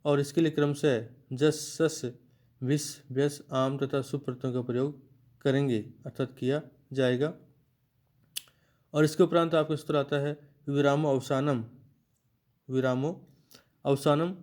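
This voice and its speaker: A man of middle pitch gives a patient grammar lecture to students. He talks slowly and goes over each point again and again, as a teacher does for a class. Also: level tone, a little mellow. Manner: slow, repetitive explanation, restating each point.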